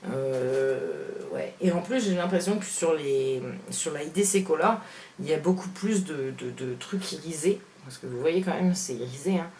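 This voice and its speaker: A woman beauty vlogger comparing makeup on camera, chatting frankly with viewers and filling pauses with fillers. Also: deep voice, expressive, darkish tone, a little hiss or hum. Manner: chatty, hesitant, full of "voilà" and "hein" fillers; frank, opinionated. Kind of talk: casual product comparison vlog.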